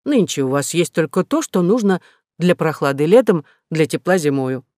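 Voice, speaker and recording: A man's voice: a little high, sing-song, moderate pace, a little mellow, dry recording, clean studio sound. A man reading a novel aloud, voicing a practical, devoted elderly housekeeper with a persuasive, sensible manner. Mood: persuading.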